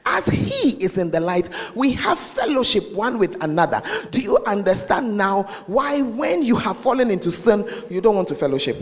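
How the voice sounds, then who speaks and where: Male Ghanaian preacher, very high voice with lively swings, scolding a congregation through a face mask in a long, reverberant hall. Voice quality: slightly muffled by a face mask. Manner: scolding, questioning listeners directly. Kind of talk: sermon to a congregation. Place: large reverberant church.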